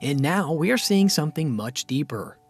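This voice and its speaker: In a scripted finance explainer, a man narrates steadily and explains things clearly at a moderate pace. His slightly rough voice sits a bit high and ranges lively in pitch, with soft music playing quietly beneath him.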